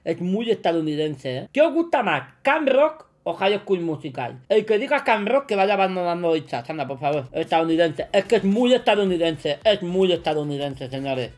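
A man with a Spain Spanish accent playing a quiz as a streamer, joking, boasting and breaking into shouts. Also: sits high, sing-song, normal speed, hardly any pauses. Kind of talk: casual gaming commentary.

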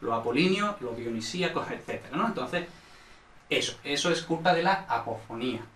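A man's voice: medium pitch, expressive, brisk, fairly bright tone, roomy sound, far from the mic. A man from Spain, explaining Latin grammar in a recorded online lesson, often checking in with short tag questions. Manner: explanatory, frequent checks with "¿vale?" and "¿no?". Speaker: Latin teacher.

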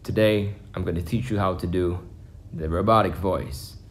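A beatbox instructor in his twenties gives a casual tutorial to camera, explaining things simply and step by step. His voice is low-pitched and steady at a moderate pace. He's in a small home room indoors, with faint background noise.

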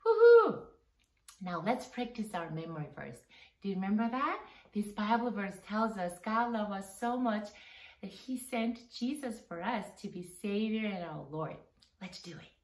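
A woman's voice: medium pitch, normal speed. A woman leading children through a song and a memory verse, cheerful and coaxing. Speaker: children's worship leader. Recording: echoey room, voice from a distance.

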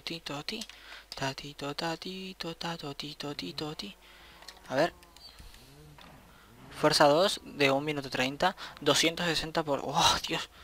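A man giving casual, excitable let's-play commentary, thinking aloud as he plays. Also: a little high, vocal fry, slight background noise. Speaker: gameplay commentator.

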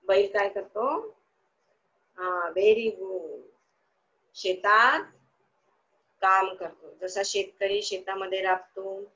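Woman, teacher, online class for little kids, slow coaxing sing-song questions, dull lo-fi sound. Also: medium pitch, a bit bright. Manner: asks the class questions and answers them herself. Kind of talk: online class lesson for young children.

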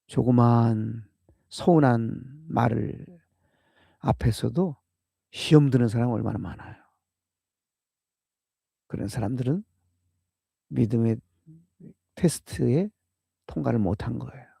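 Man, pastor, early-morning sermon, gravelly, dark mellow tone, dry close sound, emphatic repetition, loud-to-whisper swings. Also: mid-range voice, unhurried, pauses often, no echo.

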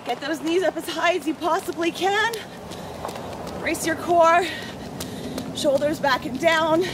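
High-voiced woman coaching a workout, counting down. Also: a little slow, background noise. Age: young adult. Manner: motivational, urging, counting down reps and time. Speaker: fitness instructor. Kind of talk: workout coaching while exercising. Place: outdoors on a paved clearing among trees.

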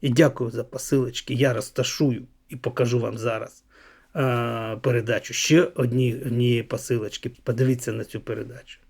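A middle-aged man hosting a political vlog, speaking slowly and drawn out, sometimes dropping to a near whisper as he thanks donors. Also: mid-range voice, level tone, vocal fry, darkish tone. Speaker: channel host.

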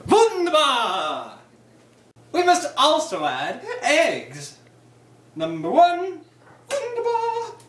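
A man doing a manic squeaky spoof TV chef. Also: wildly swooping pitch, drawn-out words, pauses often, slight background noise, heavily acted. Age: young adult. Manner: shouty sing-song exclamations in mock foreign phrases. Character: zany over-the-top male TV chef, manic and silly. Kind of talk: spoof cooking show. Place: home kitchen, indoors. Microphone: phone camera a few steps away. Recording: echoey kitchen, camera from a distance.

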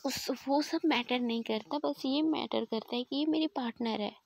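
A woman voicing a confident young woman who speaks softly and reassuringly. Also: high-pitched, moderate pace, gravelly, no echo.

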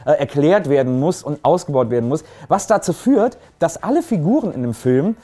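A man's voice: fairly high pitch, animated, brisk, dark tone. A man hosting a casual film review show, talking in a sarcastic, ranting way. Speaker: film critic, show host.

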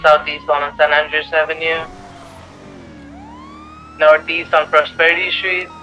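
A man playing a police officer, giving rapid, clipped turn-by-turn calls during a car chase over a walkie talkie. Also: fairly high pitch, flat delivery, highs cut off, slight background noise.

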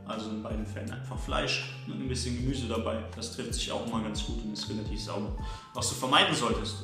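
A man working as a fitness coach, giving brisk, structured advice to the camera and answering his own questions. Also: mid-range voice. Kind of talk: direct-to-camera advice video. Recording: very echoey room with music underneath. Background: background music.

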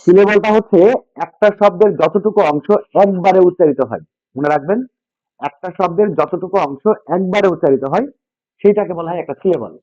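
A man's voice: high-pitched, brisk, a little mellow, no room sound. Man teaching grammar, quizzing his class. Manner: repeats key points, quizzes students with questions. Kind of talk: classroom lesson with call-and-response. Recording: dull, dry lo-fi sound.

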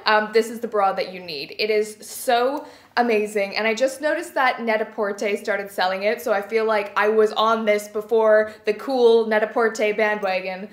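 A young woman in her twenties from Canada, a beauty vlogger, chatting enthusiastically as she shows off her gym gear from a small bright room. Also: medium pitch, echoey room. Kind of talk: casual product show-and-tell. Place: small bright bedroom studio.

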